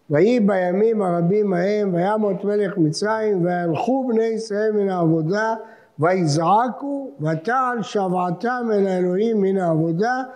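Speaking in a rabbinic style, a man whose voice sits high with a darkish tone explains ancient texts in a talk ahead of Selichot. As he quotes each verse, his emphasis builds.

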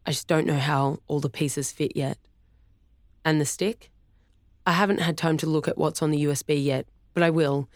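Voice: medium pitch, fairly even intonation, normal speed, no room sound, studio quality, natural voice. Kaya, an earnest young woman, as a narrator voices her.

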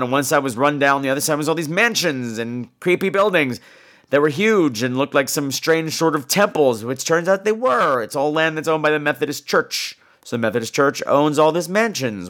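A podcast host takes listener voicemails in casual, off-the-cuff talk-show chat, sounding campy, catty, sarcastic and sweary. His mid-range voice is a bit bright but rough from a laryngitis-sore throat.

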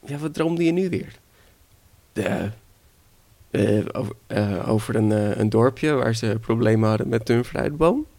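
A man voicing the devil's fussy old grandmother, talking high and stammering through her excuses. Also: expressive, measured pace, creaky, dark tone. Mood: flustered. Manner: high-pitched, hesitant, flustered fibbing.

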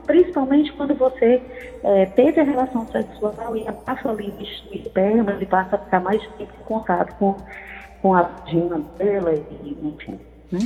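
A woman's voice: mid-range voice, moderate pace, faint music behind. A woman gynecologist giving medical advice over the phone on a call-in radio show, explaining things step by step. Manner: explanatory, frequent tag questions. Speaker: gynecologist guest. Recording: tinny phone line with reverb.

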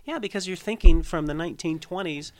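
A man's voice: sits high, fairly quick, darkish tone, no room sound. A man co-hosting a podcast, arguing casually and laughing often. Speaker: podcast co-host. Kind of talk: casual chat.

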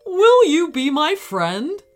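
A woman voicing a lonely, gentle young male stegosaurus in a children's storybook, with a wistful, pleading tone. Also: sits high, wildly swooping pitch, slow, soft background music, pitched above the performer's own voice, exaggerated voice. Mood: hopeful.

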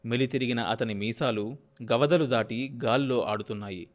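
A man narrating a novel as an audiobook, in a steady, measured storytelling manner. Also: mid-range voice.

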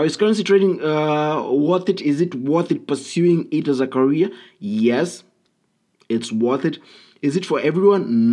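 A man's voice: fairly high pitch, a little mellow. A man hosting a solo podcast, talking casually and bluntly with frequent ums and uhs. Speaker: podcast host.

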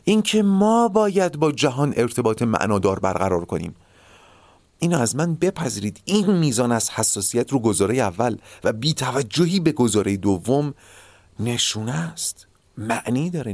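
A man hosting a solo podcast, explaining ideas in a measured way and speaking straight to his listeners. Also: mid-range voice, sing-song, a little mellow, no room sound. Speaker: podcast host. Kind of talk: solo philosophical podcast monologue.

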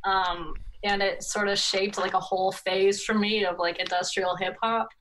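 A young woman in her twenties from California, a podcast guest who talks in a relaxed, rambling way with many fillers and frequent laughs. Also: medium pitch, normal speed, slight background noise, poor audio. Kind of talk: casual interview chat.

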